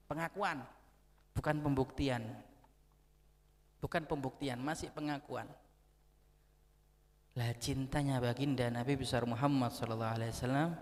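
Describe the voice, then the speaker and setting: Emphatic preacher, echoing hall. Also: male voice, medium pitch. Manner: emphatic, repetitive preaching with acted prayers. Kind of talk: mosque sermon. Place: mosque. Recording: long hall reverb.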